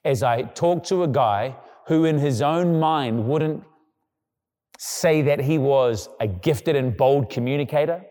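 A male pastor speaks slowly in a large-sounding room, preaching a sermon in a conversational manner. Now and then he acts out quoted people, lowering and softening his voice.

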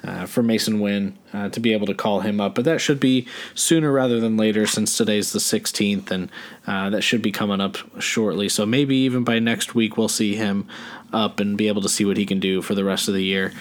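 A man's voice: on the low side, fairly even intonation, brisk. A man co-hosting a podcast, talking sports in a rambling, casual way with lots of fillers and restarts. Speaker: podcast co-host.

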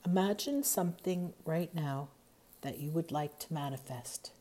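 A woman narrating a scripted guided meditation in a soothing, hypnotic, measured way, softening into breathiness at the ends of phrases. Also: deep voice. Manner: soothing, measured, hypnotic delivery with long pauses.

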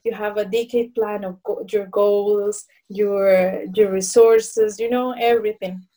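A woman, answering interview questions thoughtfully and pausing to search for words. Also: mid-range voice, fairly even intonation, mellow. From Colombia. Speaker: guest.

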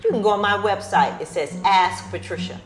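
A woman's voice: medium pitch, fairly quick. A woman hosting a casual cooking show, chatty and repeating phrases for emphasis, recorded in a kitchen. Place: home kitchen. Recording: echoey kitchen with guitar music.

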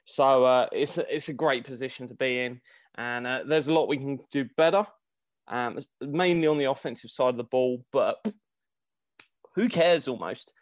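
A man's voice: mid-range voice, normal speed, no room sound, clean studio sound. A man giving casual sports analysis as a podcast co-host, thinking aloud and restarting his phrases.

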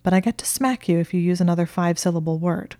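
A woman voicing a prim, sharp-tongued young witch who answers in dry, clipped retorts. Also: lowish voice, fast, dry recording, natural voice.

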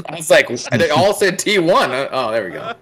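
A man of ordinary pitch in a loose podcast chat, his voice rising and dipping with lively movement. He laughs often and swears freely, keeping the banter easygoing. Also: a little slow. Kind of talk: casual chat.

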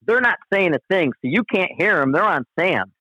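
A man's voice: high-pitched, lively intonation, a little fast, no echo. A man telling a long outdoor story in casual conversation, rambling and profane, with frequent restarts. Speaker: guest storyteller. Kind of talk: casual spoken anecdote. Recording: dull, dry lo-fi recording.

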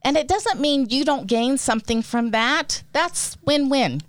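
A woman's voice: high voice, a little slow, no echo, studio quality. A woman co-hosting a podcast, talking in an earnest, emotional and emphatic way about showing up for others. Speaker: podcast co-host. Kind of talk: heartfelt casual podcast talk.

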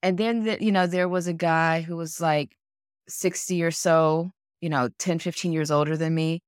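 A woman in her forties, co-hosting a podcast and telling a story in a frank, animated way, acting out what others said. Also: sits low, normal speed, dry recording, clean studio sound. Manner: animated, acts out other people's words; frank, swears casually. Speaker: podcast co-host. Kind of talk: casual storytelling.

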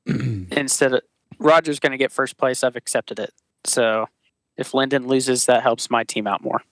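A man breaks down fantasy football matchups in a relaxed way, throwing in some playful trash talk. His voice is recorded dry and close, with almost no room sound. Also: mid-range voice, measured pace, no room sound, rough recording. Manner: relaxed, trash-talking analysis. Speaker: fantasy league member on podcast. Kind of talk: casual chat.

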